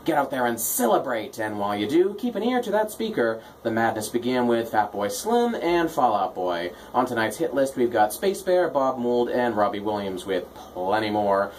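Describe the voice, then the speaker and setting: A man's voice: medium pitch, big pitch swings, normal speed, few pauses, a little mellow, slight background noise, rough recording. A man hosting a radio show with casual comic patter, tongue-in-cheek and self-deprecating. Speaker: radio host, DJ.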